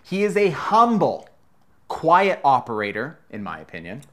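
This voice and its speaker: A man's voice: mid-range voice, wildly swooping pitch, normal speed, fairly bright tone. A man hosting a casual interview show, talking in a loose, rambling way with jokes and the odd swear word. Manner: loose, rambling, joking, swears now and then. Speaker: podcast host.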